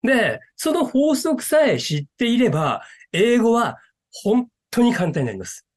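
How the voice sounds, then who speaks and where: An earnest man speaking as an interview guest. His pitch rises and falls in animated swings, and he uses many fillers as he talks. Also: unhurried. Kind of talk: interview conversation.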